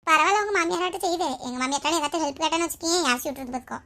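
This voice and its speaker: Woman, village comedy skit, high bright voice, very fast talk. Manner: quick scolding village banter. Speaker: sketch performer.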